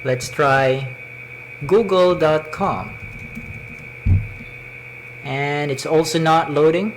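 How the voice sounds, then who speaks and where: A man with a Cebuano Filipino accent presents a live tech demonstration in deliberate, measured short phrases, speaking into a wired microphone. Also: on the high side, slight background noise, rough recording. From Philippines. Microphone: wired microphone into a laptop.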